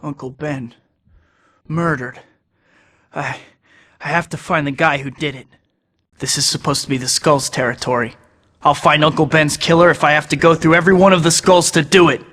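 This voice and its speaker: A wisecracking young superhero in a video game, quick with sarcastic jabs yet earnest underneath. His voice sits a little high with a bright, keyed-up edge. Each clip trails off into a long reverb. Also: steady tone. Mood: grim determined. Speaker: game character. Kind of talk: game voice clips.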